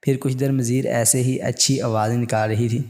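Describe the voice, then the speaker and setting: A man reads a story aloud in a calm, even way. His voice is mellow and warm, sitting at an ordinary male pitch. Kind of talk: scripted narration of a story.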